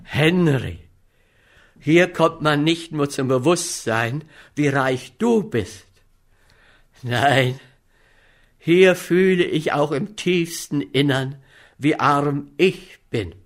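A man's voice: on the high side, animated, slow pace, long pauses. Overwrought storybook friend, gloomy and lamenting, voiced by the male reader. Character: young man, gloomy, poor and dramatic. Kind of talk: audiobook character voice.

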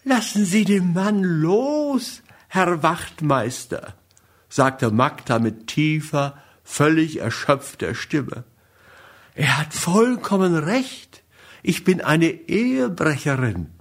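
A man's voice: expressive, takes it slowly, heavily acted. A man voicing an embittered, exhausted wife. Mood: exhausted defiance. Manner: exhausted, low-voiced reproach. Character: weary embittered woman, the narrator's wife.

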